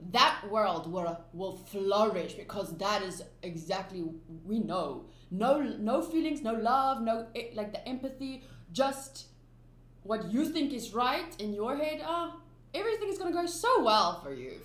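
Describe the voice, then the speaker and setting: A woman with a fairly high, fairly bright voice rambles emphatically, restarting often and using plenty of fillers. She's an anime reaction YouTuber and native Afrikaans speaker giving casual reaction commentary. The room is roomy and echoey, with a faint hum.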